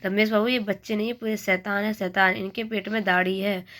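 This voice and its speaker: A woman teacher reading the lines of a weary, poor middle-aged male clerk, slowly and flatly. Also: medium pitch, lightly acted. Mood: scolding. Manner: slow, flat reading of dialogue.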